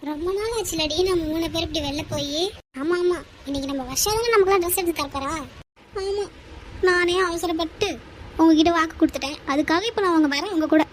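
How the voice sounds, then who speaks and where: A woman voicing a group of young women in an animated cartoon, bickering and teasing each other. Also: extremely high pitch, fairly quick, a little hiss or hum. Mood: quarrelsome. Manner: quarrelsome, teasing. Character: young women friends bickering with office bullies.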